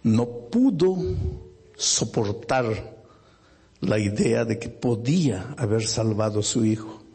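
A man preaching a sermon, with dramatic, emphatic storytelling and a husky voice. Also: lowish voice, lively intonation, slow, dark tone.

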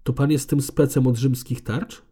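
A man's voice: medium pitch, expressive, moderate pace, dark tone, lightly acted. A man reading an audiobook, voicing a curt, sarcastic male landowner who speaks drily. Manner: dry and curt.

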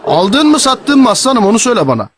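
A man's voice: very high-pitched, big pitch swings, fast talker, a faint crowd. A man who hosts a radio show, making a prank call as a stern official who threatens the caller while holding back laughter. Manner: bossy, threatening, stifling laughter. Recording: noisy radio broadcast.

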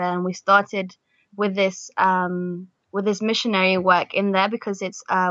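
A woman's voice: medium pitch, pushed and bright, no room sound, dull audio. A nineteen-year-old woman from Argentina, a missionary guest talking casually in an interview, with many fillers and restarts. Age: young adult.

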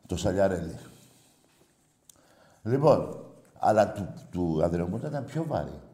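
A man's voice: very animated, roomy sound. Fiery ranting male call-in host. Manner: impassioned, swings from shouting to low muttering. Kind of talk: heated sports phone-in rant.

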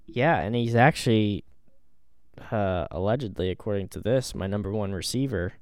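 A man's voice: lowish voice, expressive, moderate pace, a little mellow, clean tone, no echo, studio quality. A man co-hosting a podcast, chatting casually about football with an easygoing, hedging manner full of ums and restarts. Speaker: podcast co-host. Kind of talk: casual sports chat.

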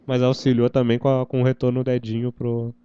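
A man's voice: medium pitch, monotone, fairly quick, dark tone, smooth, no echo. A man chatting casually about football as a show commentator, telling anecdotes and repeating himself for emphasis. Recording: dull, lo-fi microphone sound.

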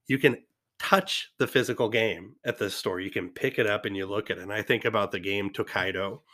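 A man's voice: fairly low pitch, a bit bright. A man in his fifties hosting a casual podcast, talking in an enthusiastic, rambling way with lots of fillers. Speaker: podcast host. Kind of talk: casual monologue.

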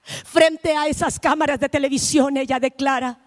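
A woman preaching a missionary sermon, impassioned, swinging between shouted lines and hushed ones. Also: high voice, steady tone, normal speed.

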